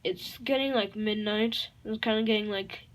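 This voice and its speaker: Rambling woman improvising a fan story. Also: medium pitch. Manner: rambling, halting, many fillers and self-corrections.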